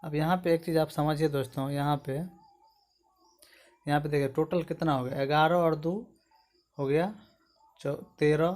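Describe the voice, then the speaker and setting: A man teaching an exam-prep grammar lesson, his voice sitting a little higher than usual. He walks through each point patiently and keeps asking his viewers whether they have understood. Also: steady tone, moderate pace, pauses often, darkish tone. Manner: explains step by step, often asks "समझ गए दोस्तों?".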